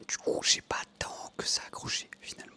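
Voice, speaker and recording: A young adult ASMR creator whispers a story a little fast, softly and unvoiced, meandering with many fillers.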